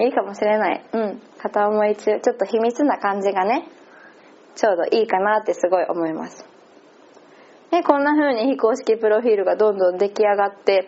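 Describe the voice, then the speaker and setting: A woman's voice: mid-range voice, darkish tone. A woman with a Kansai accent chatting casually and laughing often as she recaps an event. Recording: slightly muffled lo-fi audio.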